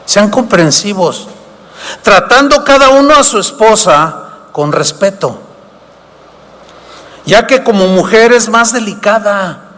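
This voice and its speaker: A man preaching from the pulpit, his voice sitting high for a man. He asks his listeners questions and slips into short acted exchanges. The sound rings with the long reverb of a large hall. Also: fairly bright tone. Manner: preaches with rhetorical questions, acts out dialogues. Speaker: pastor. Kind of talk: sermon.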